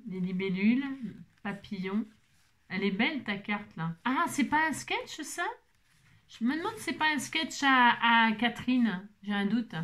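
A woman's voice: medium pitch, fairly bright tone. A woman vlogging casually while opening craft mail at her table at home, chatty and playful, gushing over every item.

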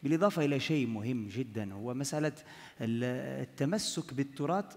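A man's voice: medium pitch, quick pace, a little mellow. A young man from Morocco, a panel guest who speaks hesitantly with many fillers. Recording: long hall reverb.

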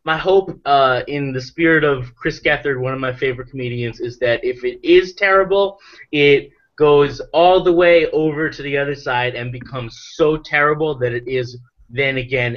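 Male host, drunk and rambling, bright forceful voice, dull lo-fi recording. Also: on the high side. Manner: rambling, with loose restarts. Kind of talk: casual chat. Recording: dull lo-fi sound.

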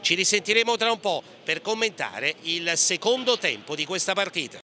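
A man's voice: high-pitched, big pitch swings, moderate pace, bright, forceful tone. A man commentating live on a futsal match in clipped play-by-play with hesitations, passing from name to name. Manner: clipped running play-by-play, naming players pass by pass, with hesitations. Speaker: sports commentator. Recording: gym ambience with clear background noise. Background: indoor sports hall sounds, bouncing ball.

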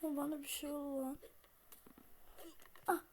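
A woman hosting her gaming channel, giving excitable running commentary on her own play and blurting exclamations and slang as she goes. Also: high-pitched, normal speed, slight background noise. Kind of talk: live gameplay commentary.

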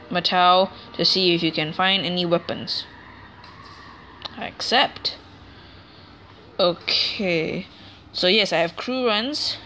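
A woman's voice: fairly low pitch, sharp tone, slight background noise. A woman giving casual, rambling commentary over a video game let's play, often correcting herself as she talks. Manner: chatty, rambling, self-correcting.

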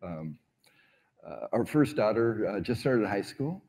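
Middle-aged man, low mellow earnest voice. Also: very animated, unhurried, creaky. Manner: earnest, reflective, frequent hesitations. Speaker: award honoree on stage. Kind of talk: onstage interview storytelling. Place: large event stage, indoors.

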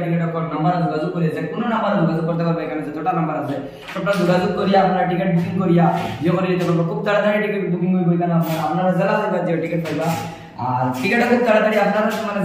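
A young man with a Sylheti-tinged Bengali accent from southern Assam makes an urgent, repetitive promotional pitch. His voice is high and extremely rapid. It rings heavily in a bare, echoey room. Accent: Sylheti-influenced Bengali of southern Assam. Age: young adult. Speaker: vlogger promoting a lucky draw. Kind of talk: informal sales pitch to camera. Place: small bare indoor room. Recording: very echoey hard room, faint noise, clicks.

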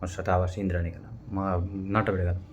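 A man's voice: low-pitched, flat delivery, fast talker, dull audio, a little hiss or hum. A man talking casually with his wife at home at night, practical and a bit defensive about his work. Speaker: vlogger's husband. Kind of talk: casual domestic conversation.

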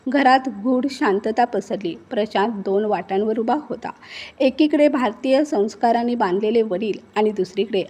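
A woman narrating a scripted story with a steady, expressive reading. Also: medium pitch, husky.

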